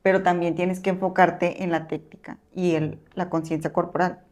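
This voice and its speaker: Woman playing a calm wise eagle. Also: on the low side, normal speed, lightly acted. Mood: calm, patient. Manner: calm, explaining.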